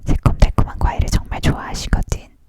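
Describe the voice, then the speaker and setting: A person reading a story aloud in a close, leaning-in ASMR whisper, narrating and voicing dialogue entirely without full voice. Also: fast talker.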